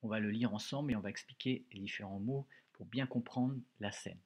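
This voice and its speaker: A man's voice: fairly low pitch, fairly quick, husky. A male teacher leading a reading lesson for pupils, explaining words patiently and repeating phrases.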